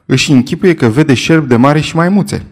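A man's voice: on the high side, husky, voice pushed up. A man voicing a brutal, cold-hearted sea captain who gives curt, mocking commands in a storybook reading.

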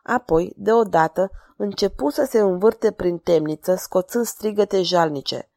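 A woman narrating an audiobook in an expressive, theatrical reading style. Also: medium pitch, dry recording, clean studio sound.

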